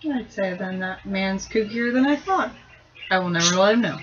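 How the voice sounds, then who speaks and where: A woman player in a casual tabletop role-playing game, asking questions in a relaxed way. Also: moderate pace. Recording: dull low-fi sound with faint noise.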